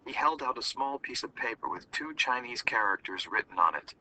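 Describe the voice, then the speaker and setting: A male teacher reading a story aloud for a classroom lesson, steady and clear. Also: medium pitch, fairly quick. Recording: distant mic with faint background noise.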